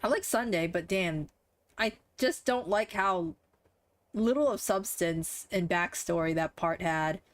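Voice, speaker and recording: A woman's voice: on the low side, a little slow, no echo. A young woman casually commenting while streaming a game, chatty and full of fillers, laughing and swearing.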